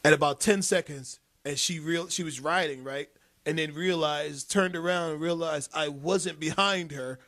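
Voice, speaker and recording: A man's voice: fairly high pitch, normal speed, a bit bright. A man hosting a motivational talk show, telling a personal story with emphatic repetition and frequent laughs. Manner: emphatic, repeats key phrases, laughs often. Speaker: host, motivational speaker. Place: TV studio set.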